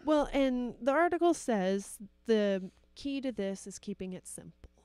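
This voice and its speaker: A woman's voice: fairly high pitch, expressive, unhurried, a little mellow, clear, resonant tone. A woman co-hosting a casual talk show, laughing often and speaking frankly. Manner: laughs often, talks frankly with mild swearing. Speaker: podcast co-host. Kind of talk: casual chat.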